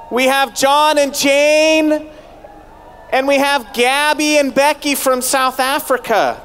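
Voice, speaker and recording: Speaking into a handheld microphone on a big arena stage, a middle-aged man gives a motivational keynote, firing rhetorical questions to rouse the audience. His voice sits high, slightly bright and clean, and the sound carries a long arena reverb.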